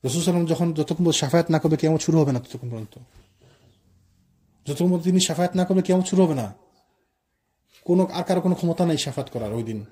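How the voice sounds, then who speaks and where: A man delivers a sermon in a mosque, moving between quoted prayers and casual asides to his listeners. His voice sits a little high, yet it sounds very dark and husky. He talks at a fast clip. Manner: conversational, mixes quoted prayers with colloquial asides. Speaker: preacher. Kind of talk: sermon on the life of the Prophet.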